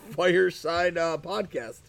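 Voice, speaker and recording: A man's voice: high voice, slow pace, vocal fry, fairly bright tone. A man hosting a casual podcast outdoors, joking and swearing through crude banter with friends. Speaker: podcast host. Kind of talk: casual chat.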